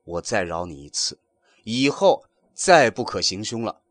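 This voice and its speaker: A man voicing a stern, weary male Buddhist monk who speaks in low, curt scolding tones. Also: very animated, a little slow, dry recording.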